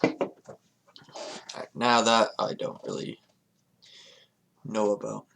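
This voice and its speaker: A man's voice: lowish voice, takes it slowly, gravelly, a bit bright. A man streaming a chess game, thinking aloud in a casual, hesitant, muttering way. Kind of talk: casual live commentary while playing.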